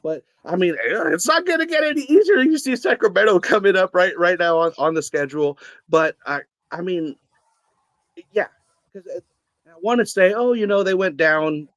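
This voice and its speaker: A male podcast co-host in a casual sports chat, talking with an animated, excitable delivery. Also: high voice, moderate pace, dry recording.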